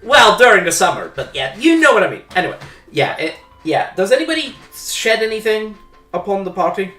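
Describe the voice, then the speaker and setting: A man acting as game master in an online tabletop game, halting and often rephrasing himself. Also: high voice, sing-song, sharp tone. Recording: roomy, echoey microphone with faint music.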